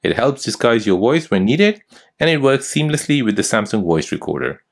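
A young man narrating a step-by-step phone tutorial as host, giving steady instructions. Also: medium pitch, normal speed, gravelly.

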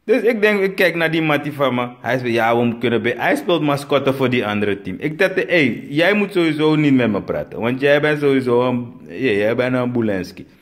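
A man from Suriname with a Surinamese Dutch accent, telling a comic story and acting out the dialogue, with sudden high bursts. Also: lively intonation, moderate pace, hardly any pauses. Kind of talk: storytelling comedy.

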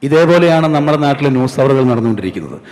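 A man's voice: medium pitch, fast talker, very noisy. A man performing a mimicry comedy routine on stage, talking to the audience in a conversational way. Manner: lively, conversational. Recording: echoey stage hall.

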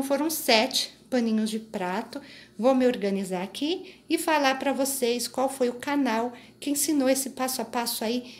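A woman in her thirties hosts a homey crochet vlog from a small craft room, filming close-ups on a phone she holds in her hand. Her voice sits a little high, and she keeps checking in with viewers through easy tag questions and asides. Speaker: crochet channel host. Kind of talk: casual show-and-tell vlog. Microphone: phone held in hand.

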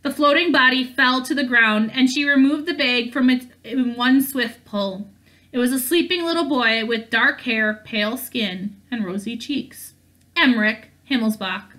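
Woman, audiobook narration, fantasy novel, steady, high pitch, bright tone. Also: unhurried. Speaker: audiobook reader. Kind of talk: reading a fantasy novel aloud.

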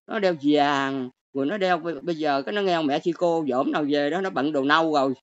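This low-voiced woman talks fast, with a slight hiss or hum in the background. She's older, has a Southern Vietnamese accent, and lectures her livestream audience in a scolding, exclamatory rant over dull, lo-fi stream audio.

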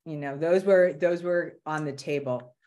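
Speaking over a video call from a room in her home, a middle-aged woman from the Boston area, USA, has a notably low voice. She's a career strategist chatting casually in interview style, animated, often restarting phrases and repeating words.

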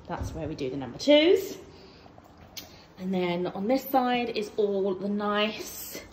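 Vlogger, woman, 30s: lively, animated delivery, playful tour-guide banter, phone audio bouncing off bare walls. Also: mid-range voice. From England. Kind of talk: casual house-tour vlog. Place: empty house with bare rooms and wood floors. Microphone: phone held at arm's length and on a tripod. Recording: echoey empty rooms, noticeable noise.

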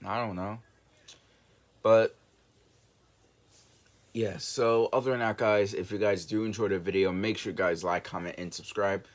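A young man hosting a casual reaction vlog, talking in a halting, rambling way. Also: fairly low pitch, steady tone. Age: young adult. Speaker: reaction video host. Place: small bedroom, indoors.

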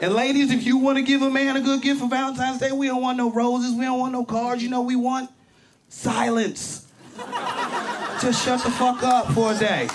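Very high-pitched and at a moderate pace, a Berkeley, California comedian in his forties performs a profane, animated set on a club stage, handheld mic in hand. He's loud, peaking into shouts on his punchlines, while crowd laughter and slight background noise fill the live recording.

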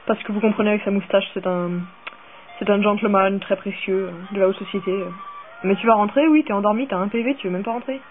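Talking fast in a mid-range voice, this female gamer comments casually on her play, cursing, rambling, and growing increasingly excitable. Her recording sounds tinny, like a phone, with music faintly audible.

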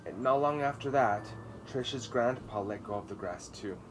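A man in his thirties, sitting outdoors on a garden patio, reads a children's story aloud with emphatic drama. He speaks at a medium pitch and a moderate pace, against clearly audible background ambience.

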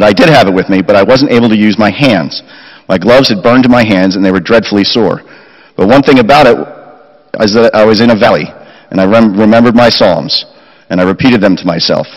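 A middle-aged man reads a family war story aloud from a chapel lectern, steady and brisk. His voice sits on the low side. The lectern mic picks him up with a long chapel reverb behind. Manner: steady reading with quoted recollections. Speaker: chapel speaker. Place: school chapel, indoors.

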